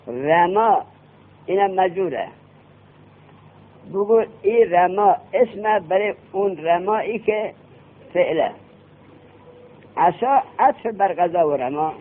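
A man's voice: high voice, animated. Questioning male teacher, tinny recording. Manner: quizzing students with quick questions. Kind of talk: classroom lesson on Arabic grammar.

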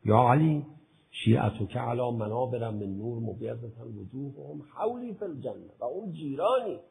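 A man preaching a religious sermon, acting out imagined talks with his listeners, going from a soft murmur to loud outbursts. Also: mid-range voice, lively intonation, gravelly, breathy edge, poor audio. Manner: acts out both sides of imagined dialogues with listeners; swings from soft murmur to loud impassioned exclamation.

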